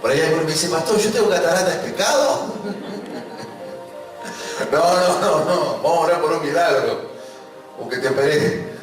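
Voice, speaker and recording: A man's voice: a little high, unhurried, pauses often, over music. A man with a River Plate Spanish accent, preaching a sermon and prompting the congregation to repeat after him. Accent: Rioplatense Spanish. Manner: emphatic preaching with congregation call-and-response. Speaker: pastor. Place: church. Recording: echoey church hall from far off.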